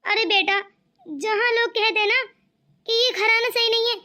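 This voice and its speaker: A worried mother in a cartoon, as a woman voices her, coaxing and fussing over her married daughter. Her voice sits very high and sounds bright and sharp. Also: moderate pace. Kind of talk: cartoon voice acting.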